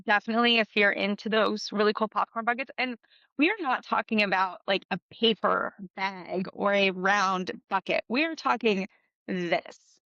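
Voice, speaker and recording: A woman's voice: mid-range voice, moderate pace, bright, forceful tone, no echo. A woman in her thirties, a podcast co-host, chatting casually and giving practical tips with frequent ums. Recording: dull dry podcast audio.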